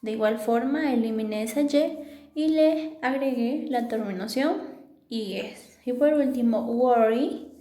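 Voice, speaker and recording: A woman's voice: on the high side, measured pace, dark tone. A young woman teaching grammar to a class, patiently repeating each rule and checking that students follow. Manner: patient, repeats rules, checks understanding with "¿verdad?". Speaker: English teacher. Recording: echoey room.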